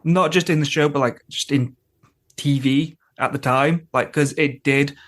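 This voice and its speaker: This podcast co-host discusses a TV episode in a casual, rambling, conversational way. His fairly bright voice sits on the high side, steady in tone and unhurried.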